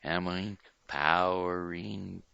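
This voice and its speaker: A drowsy little robot powering down for bed, as a man puts it on while reading a storybook, slow and half-whispered. The voice sits low with a gravelly edge and a bright bite. The recording is dull and lo-fi. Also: fairly even intonation, no room sound, exaggerated voice. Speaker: storybook reader for kids. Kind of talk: reading a children's picture book aloud.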